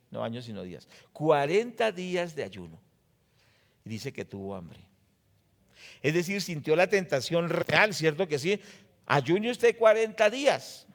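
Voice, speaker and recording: A man with a Colombian accent preaching a sermon as pastor, rising loud on scripture quotes and dropping low to explain, often asking the congregation rhetorical questions. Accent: Colombian Spanish. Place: church.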